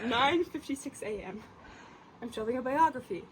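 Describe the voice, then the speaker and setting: A woman's voice: high-pitched, animated, normal speed, slight background noise. A young woman chatting casually and reading fanfiction aloud with a friend, often breaking into giggles. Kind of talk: casual chat.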